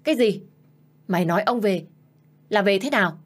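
A woman's voice: mid-range voice, expressive, moderate pace, voice pushed up, close to an everyday voice. A woman voicing a stern older stepmother who scolds sharply. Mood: scolding.

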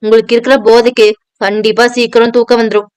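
A woman's voice: a little high, little pitch movement, fast, a little mellow, smooth, dry recording, close to an everyday voice. A woman voicing a patient, weary young male assistant pleading with his drunk boss.

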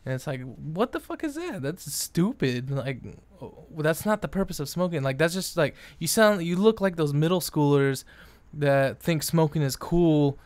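A man's voice: on the high side, lively intonation, normal speed, darkish tone, no echo. A young man in a casual, profane, rambling rant, exasperated and full of fillers and restarts. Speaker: vlogger.

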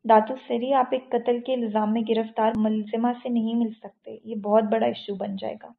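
An anxious legal advisor, pleading and careful, as a woman narrator reads him. The voice is a bit high and gravelly, and the audio is thin and phone-like. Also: little pitch movement. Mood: worried. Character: worried male legal advisor.

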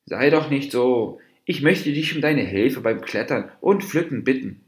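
A man's voice: mid-range voice, lively intonation, unhurried, pitched above the performer's own voice, natural voice. A man voicing a wrathful, stubborn male mouse deer from a fable, speaking firmly and snapping. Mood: angry. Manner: angry, firm, snapping. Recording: roomy echo.

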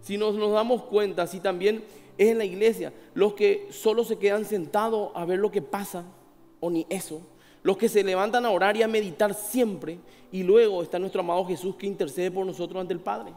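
A man's voice: sits high, fairly even intonation, normal speed, a little mellow, big-room sound, faint music behind. A man, a pastor preaching a sermon in a conversational way, asking the congregation questions and acting out little scenes of dialogue. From Paraguay. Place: church hall.

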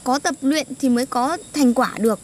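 A woman's voice: high voice, normal speed, slight background noise. A young woman, acting in a comedy sketch in a bossy, teasing manner. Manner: bossy, teasing, laughing often. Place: outdoors in a field.

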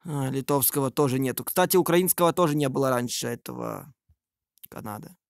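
Creaky-voiced man commenting casually. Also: medium pitch, a little fast, dry recording, clean studio sound. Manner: hesitant, improvised, thinking aloud. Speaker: video creator. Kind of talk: casual screen-recording commentary.

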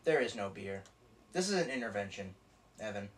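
A young man earnestly running a mock intervention, halting and repeating himself. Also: on the low side, animated. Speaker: friend leading an intervention. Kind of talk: comedy sketch. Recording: distant mic with faint hiss.

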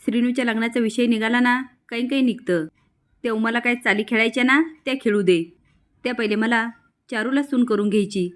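A stubborn, scheming mother who snaps back with sharp scolding, her voice raised a little above the reader's own, as a woman reads her lines out. She is heard in a spoken storybook recap of a drama serial. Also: fairly high pitch, steady tone, fairly quick, lightly acted. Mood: resentful. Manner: scolding, defiant.

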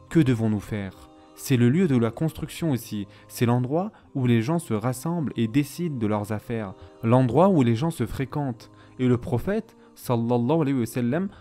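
A man giving a measured, explanatory voice-over lecture on Islamic history, weaving Arabic phrases into his speech. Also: medium pitch, warm tone.

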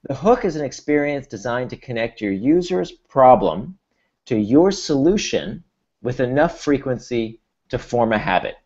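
Animated and moderately paced, this man's medium-pitched, darkish voice carries an American accent, though he was born in Israel. He leads a workshop via video call, explaining steadily and repeating words when he restarts. Expect dull, lo-fi sound.

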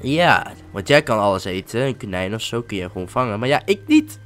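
Excitable swearing gamer man. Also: fairly low pitch, a little fast, faint music behind. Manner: excitable, swears and exclaims often. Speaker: let's-play gamer. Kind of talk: casual gameplay commentary.

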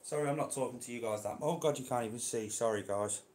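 A man keeping reptiles, chatting casually to viewers while gently coaxing and handling a snake indoors. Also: mid-range voice, fast talker, reverberant. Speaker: reptile keeper vlogger. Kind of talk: casual vlog. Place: indoor room.

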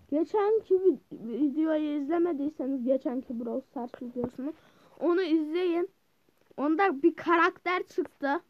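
Gamer woman, high voice, yells at the screen then grumbles, dull home-mic sound. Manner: excitable, yells at the game, then mutters complaints. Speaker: gaming channel host. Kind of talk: live gameplay commentary.

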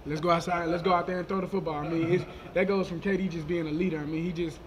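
Quick, high-voiced young man. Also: crowd noise. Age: 20s. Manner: quick, animated, repeats words as he talks. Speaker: college football player. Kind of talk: post-game press conference answers. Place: press conference room, indoors. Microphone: table microphone.

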